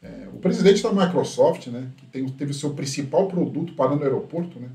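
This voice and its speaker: Man, critical casual commentary, mellow dark voice, roomy echo. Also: medium pitch, animated, fairly quick, creaky. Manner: critical, tags sentences with a questioning "right?". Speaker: host, tech commentator. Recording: roomy echo from a distant mic.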